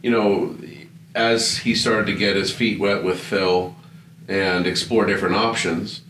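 A man with a very deep voice, a golf instructor, laying out details in relaxed chat. The sound is roomy with faint noise behind it. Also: unhurried. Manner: explanatory, fills in details. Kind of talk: casual conversation.

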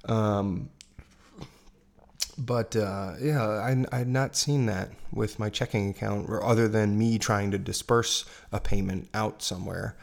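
A man's voice: fairly low pitch, steady tone, unhurried, vocal fry. A man hosting a casual, rambling solo chat in an informal way, sounding far from a dangling microphone. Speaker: host. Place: seated at a piano. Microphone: dangling microphone, away from the mouth. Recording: voice distant from dangling mic, music.

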